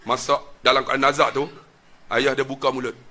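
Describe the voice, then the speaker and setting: A middle-aged man with a Malaysian Malay accent preaching a sermon, telling a story dramatically and swinging between loud outbursts and hushed asides. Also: medium pitch, flat delivery, a little fast.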